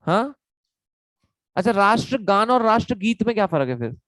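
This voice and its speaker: A man, quite high-pitched, teaches an online class and chats and jokes with his students between points. The sound is dry and close, with no room around it. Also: sing-song, normal speed, fairly bright tone, no echo, rough recording. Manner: chatty, joking, addresses students as kids. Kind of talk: casual online lecture.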